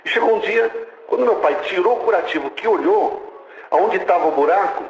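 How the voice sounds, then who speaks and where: In an echoey room with the highs cut off, a high-voiced Brazilian man speaks at normal speed with a Brazilian Portuguese accent. Preaching his testimony, he narrates animatedly, performs the dialogue, and bursts into praise.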